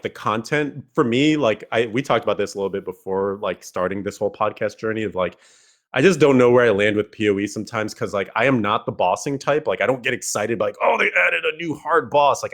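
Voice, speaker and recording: A man's voice: lowish voice, fairly quick. A man co-hosting a casual podcast, talking in a rambling way with a lot of filler words. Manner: rambling, heavy use of "like". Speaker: podcast co-host.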